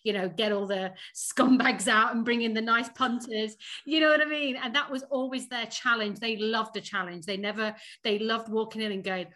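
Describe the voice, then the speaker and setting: Bright and forceful, this company founder from Sheffield, England, talks in a slightly high, steady voice at a moderate pace with few pauses. A podcast guest with a Northern English accent, she keeps the interview chat casual, laughing often and leaning on plenty of fillers.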